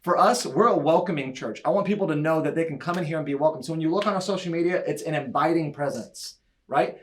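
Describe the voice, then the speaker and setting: A man giving an enthusiastic, chatty breakout talk at a church conference, with quick asides and laughs. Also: on the high side, a little hiss or hum. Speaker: church media leader speaking at a conference breakout. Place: church breakout session room.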